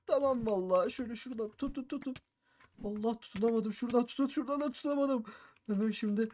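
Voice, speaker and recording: A man narrating a game role-play as a gaming YouTuber, excitable and boastful, with frequent exclamations. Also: extremely high pitch, fast talker. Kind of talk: Minecraft role-play commentary.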